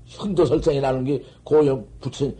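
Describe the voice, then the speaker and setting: An older man giving a Buddhist dharma lecture on koans, scolding and animated, swinging from loud outbursts to murmurs, on an old 1970s tape. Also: medium pitch, normal speed, low-quality recording. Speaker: Zen master giving a dharma talk.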